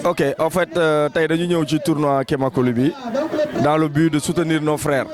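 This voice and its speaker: A Senegalese-accented man with a slightly high voice gives remarks as a guest official at an outdoor tournament. He switches between languages as he talks, and a loud crowd surrounds him. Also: steady tone, moderate pace. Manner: mixes Wolof and French. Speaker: deputy mayor, guest speaker. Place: outdoors at a sports ground.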